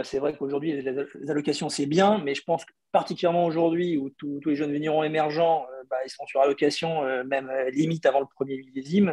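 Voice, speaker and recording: A man's voice: medium pitch, darkish tone, no room sound. A man speaking as a panelist in a casual, conversational discussion. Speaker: wine merchant on a panel.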